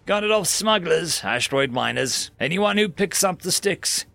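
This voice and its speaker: A man's voice: high-pitched, expressive, normal speed, creaky, bright, forceful tone, dry recording, soft background music, voice pushed up, exaggerated voice. A man doing a grumbling hungover alien pilot. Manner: grumbling, offhand.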